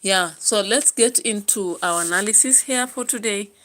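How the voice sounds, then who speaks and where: A woman's voice: mid-range voice, normal speed, fairly bright tone. A Kenyan woman hosting a YouTube channel, giving chatty political commentary and musing aloud with frequent fillers. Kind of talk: casual political commentary vlog.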